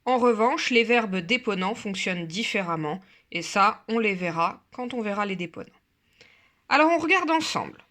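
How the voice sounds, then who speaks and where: A woman's voice: mid-range voice, expressive, normal speed, a bit bright. A woman teaching a Latin grammar lesson, counting through verb forms in a patient, methodical, step-by-step way. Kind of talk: classroom lesson.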